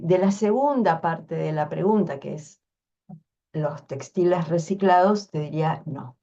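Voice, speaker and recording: On a video call, a woman answers workshop questions in a casual online Q&A, explaining things frankly and thinking aloud with restarts. Her voice is lowish and warm, and the sound is lo-fi.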